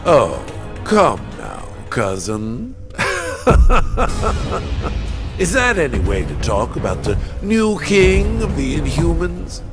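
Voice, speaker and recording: A theatrical gloating villain king in a game, slow mocking delivery, music behind him. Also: a little high, wildly swooping pitch, heavily acted. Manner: mocking, grandiose. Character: gloating male usurper king, mad and theatrical. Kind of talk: video game villain acting.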